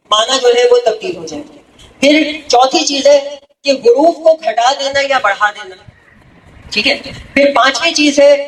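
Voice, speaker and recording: This zakira's voice is high and fairly bright as she addresses a gathering, working through each step and often making sure everyone is keeping up. Picked up by a distant mic in an echoey hall, the audio carries faint noise.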